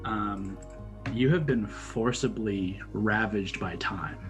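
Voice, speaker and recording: A man narrating a tabletop role-playing game as game master, in halting, dramatic phrases with pauses. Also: lowish voice, faint music behind.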